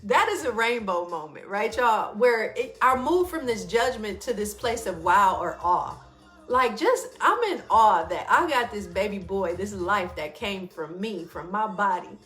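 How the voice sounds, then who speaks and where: A woman hosting a morning wellness talk, chatty and expressive, calling her listeners y'all and leading a guided breathing exercise. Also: mid-range voice, measured pace, echoey room, soft background music. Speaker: host of a morning wellness show.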